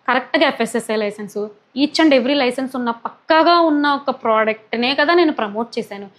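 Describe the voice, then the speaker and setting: A woman, talking to camera in an emphatic, defensive way and asking the audience pointed questions. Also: on the high side. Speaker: vlogger. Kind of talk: casual to-camera talk.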